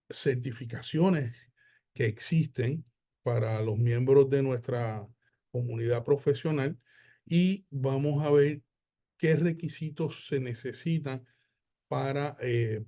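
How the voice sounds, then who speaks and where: A man, presenting a webinar as an accountant, unhurried and full of hesitations and repeated words. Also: mid-range voice, mellow, lo-fi sound. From Puerto Rico. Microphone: video call.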